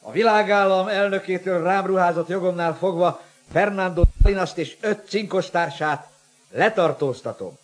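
A formal arresting officer. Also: male voice, high-pitched. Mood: authoritative. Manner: formal, authoritative. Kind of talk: radio play acting.

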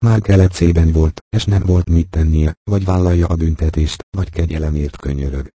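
A man narrating an audiobook in a steady, measured storytelling manner. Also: low voice, breathy edge, no echo. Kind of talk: scripted narration.

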